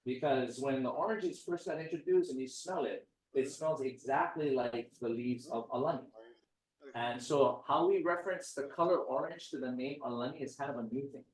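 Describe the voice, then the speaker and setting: Speaking at a moderate pace in an ordinary mid-pitched voice, a man from Hawaii delivers a laid-back guest talk packed with jokes and asides. He stands away from the mic, so the recording sounds echoey.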